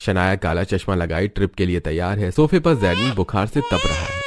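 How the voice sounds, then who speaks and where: A man giving scripted narration for a cartoon story in an even storytelling manner. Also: low-pitched, brisk, noisy background.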